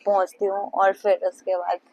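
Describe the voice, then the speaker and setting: A woman's voice: medium pitch, steady tone, normal speed, muffled recording, a little hiss or hum. A young woman from central India chatting on a casual travel vlog, wistful and talkative, mixing in English words, recorded outdoors on a hand-held phone. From Madhya Pradesh, India. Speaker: vlogger. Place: outdoors on the road.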